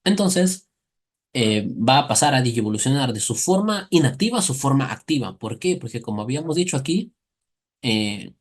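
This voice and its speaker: A male medical lecturer in a mid-range voice, explaining step by step to his students. He keeps posing quick questions and answering them himself, and livens the material with friendly, playful comparisons. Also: mid-range voice. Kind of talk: recorded class explanation.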